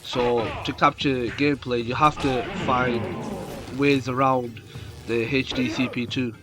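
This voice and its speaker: A man coming down with a cold narrates gameplay for his channel, his nasal mid-range voice keeping a fairly even intonation. He drifts along slowly with many fillers as game music plays behind him.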